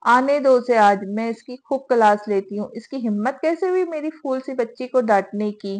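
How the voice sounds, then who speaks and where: A woman's voice: on the high side, normal speed, a little mellow, natural voice. A woman reading the lines of a caring middle-aged mother who scolds her son. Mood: scolding. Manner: scolding, protective.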